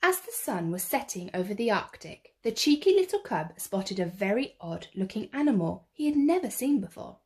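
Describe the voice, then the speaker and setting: A woman reading a children's picture book aloud in an expressive, theatrical way, drawing out the action words. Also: mid-range voice, moderate pace, hardly any pauses. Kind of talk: expressive read-aloud storytelling.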